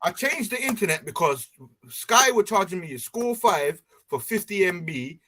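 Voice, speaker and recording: A bright, high-pitched young man, swinging his pitch widely as he talks. He sounds like a voice coming through a group voice chat online, pushing an event with street slang. His manner is casual and upbeat. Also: moderate pace. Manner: animated, promotional, street slang. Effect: group voice chat over the internet. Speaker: panel member.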